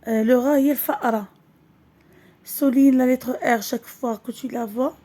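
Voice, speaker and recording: Woman teacher, high and mellow voice, slow and deliberate, repeats each word. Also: steady tone. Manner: switches between French and Arabic. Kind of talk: slow classroom lesson.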